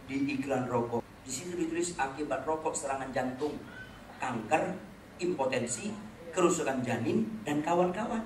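A pastor giving a blunt, teasing sermon, moving between quiet asides and loud exclamations. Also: male voice, medium pitch, far from the mic, noisy background. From North Sumatra, Batak. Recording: echoey hall, voice from off-mic.

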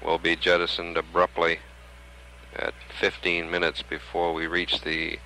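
An American man giving measured live spaceflight commentary as a mission control public affairs announcer. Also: low-pitched, monotone, bright, forceful tone. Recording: faintly noisy 1960s archive broadcast.

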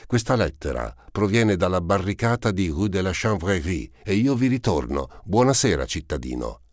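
A man's voice: low-pitched, big pitch swings, normal speed, no echo, clean studio sound, pitched above the performer's own voice. A man voicing a cheeky street-urchin boy with brash, teasing retorts in an audiobook. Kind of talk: audiobook character voice.

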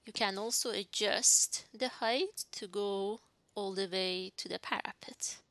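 A young woman walks through a software lesson at a deliberate, unhurried pace. Her voice is bright and a little sharp, recorded dry and close at her desk. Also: medium pitch, no echo. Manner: slow, step-by-step, talking through each click. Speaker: instructor. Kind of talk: software tutorial narration.

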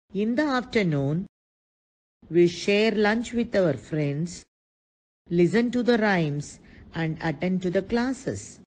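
Female narrator for a kindergarten lesson, low-ish voice, slow and deliberate, asks the kids simple questions. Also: darkish tone, low-quality recording. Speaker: kindergarten teacher. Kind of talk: scripted lesson narration for young children.

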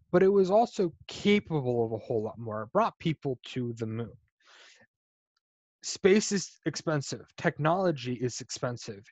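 A man giving a casual slide lecture about rockets on a video call, relaxed and explanatory, with frequent ums and restarts. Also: mid-range voice, no echo. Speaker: guest speaker presenting on spacecraft engineering. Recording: dull, dry video call audio.

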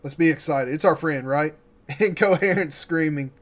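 A man with a voice sitting a bit high for a man talks through a baseball video game on a live stream. He is hyped and cheers his viewers on. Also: normal speed. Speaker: gaming streamer. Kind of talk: live gameplay commentary.

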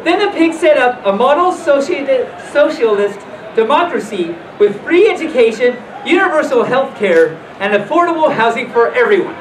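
In a sing-song, high voice at normal speed, a costumed mascot storyteller reads to a live crowd in a playful manner, adding offhand remarks. The event is in a convention's hotel function room. Sound comes from a faraway camera microphone, so it's roomy, distant, and noisy.

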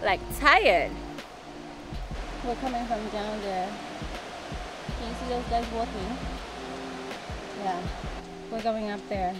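A woman in her thirties, a travel vlogger, talks casually to a handheld camera held at arm's length while climbing a forest stairway near a waterfall. Her mid-range voice is breathless, and she chats between sighs. The audio is poor outdoor camera sound, with music and rushing waterfall noise behind her.

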